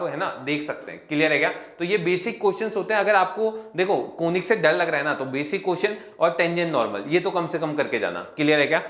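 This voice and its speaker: A chatty young man explains exam questions to his students in a fairly high voice, stopping often to ask if they are following. The room echoes around him. He talks like a friendly teacher running a casual lesson. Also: fairly bright tone. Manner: chatty, addresses students as kids, repeats "clear hai kya".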